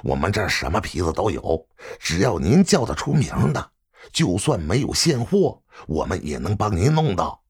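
A man's voice: deep voice, very animated, normal speed, husky, exaggerated voice. A man voicing a chatty, salesy shop assistant. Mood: eager. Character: eager young male shop assistant.

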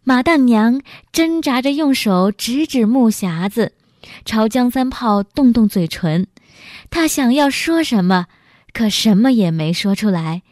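A woman narrating a dramatic story in an expressive, measured way. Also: mid-range voice, no room sound, clean studio sound.

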